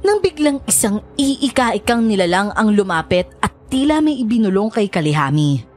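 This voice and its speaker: A woman narrating a first-person horror story in a steady storytelling manner. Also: mid-range voice, moderate pace, soft background music.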